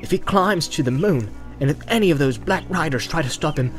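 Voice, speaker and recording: A man's voice: on the high side, expressive, brisk, soft background music, pitched above the performer's own voice, close to an everyday voice. A man voicing a loyal, plain-spoken male hobbit servant in an audiobook, humble and steadfast. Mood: loyal, resolute. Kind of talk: audiobook character voice.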